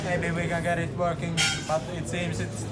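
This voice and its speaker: A man giving a halting, informal post-race report in simple as a driver. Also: fairly high pitch, monotone. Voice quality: non-native English with simple phrasing. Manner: halting, repeats words. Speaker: racing driver. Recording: very noisy outdoor racetrack with vehicles.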